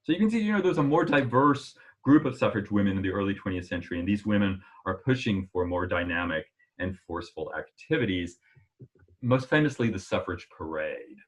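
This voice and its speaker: Speaking a little fast with a husky voice, a man presents an illustrated history lecture casually, as if chatting. He leans on "uh" fillers and emphasizes points with sudden rises in pitch.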